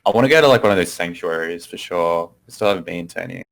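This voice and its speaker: Very deep-voiced hesitant man. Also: fast talker, creaky, fairly bright tone. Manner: hesitant, agreeable, filler-heavy. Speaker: voice chat participant. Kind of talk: casual chat.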